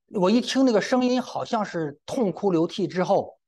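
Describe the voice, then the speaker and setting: A middle-aged male preacher giving a testimony-filled sermon, his voice rising and falling with lively, expressive intonation. He keeps breaking in with exclamations and turns to speak straight to the congregation. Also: high-pitched, moderate pace. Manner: exclamatory, often breaks in with "wa", addresses the congregation directly.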